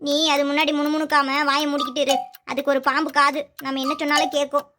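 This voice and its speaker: A woman voicing the young wives in a family cartoon serial, arguing and talking fast. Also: high-pitched, flat delivery, over loud music, natural voice. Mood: worried. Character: young village wives, quarrelsome and worried.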